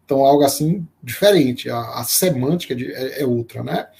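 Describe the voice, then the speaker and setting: A man teaching a live-streamed law lecture, explaining slowly with frequent fillers and restarts and pausing to greet viewers by name. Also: mid-range voice, creaky, mellow. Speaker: law professor.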